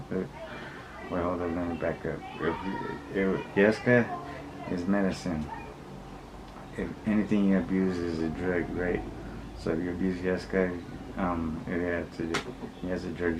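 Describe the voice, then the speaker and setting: A man's voice: deep voice, level tone. A man talking casually to viewers, giving opinions in blunt, slangy street talk, rambling and repeating himself as he backtracks. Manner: rambling, repetitive, halting, often backtracking. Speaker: vlogger. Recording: clearly noisy recording with background ambience.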